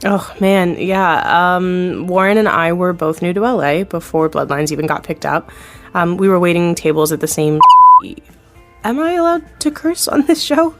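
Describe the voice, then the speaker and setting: In this acted interview, an actress in her thirties plays a TV executive producer who is open, conversational, self-deprecating, and quick to laugh. Her natural, lowish voice moves at normal speed over music.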